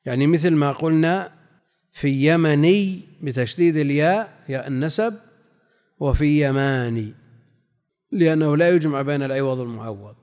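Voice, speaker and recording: A man's voice: fairly high pitch, moderate pace, long pauses, a little mellow, clean tone, in a large hall. A man teaching a classical text lesson, reading passages aloud, explaining them and putting questions to his students. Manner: reads quoted passages then explains, asks students questions.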